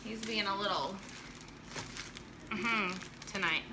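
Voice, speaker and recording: Woman, live-stream craft host, teasing and laughing, unhurried talk, clear background noise. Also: mid-range voice. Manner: joking, teasing, laughs often. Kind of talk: casual live-stream chat with viewers. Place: at home.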